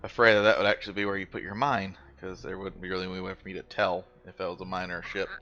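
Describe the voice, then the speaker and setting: A man's voice: low voice, little pitch movement, racing, pushed and bright. A man hosting a gaming video, teasing his brother with playful, sing-song commentary as they play. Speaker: gaming channel host. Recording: slightly dull audio with faint music.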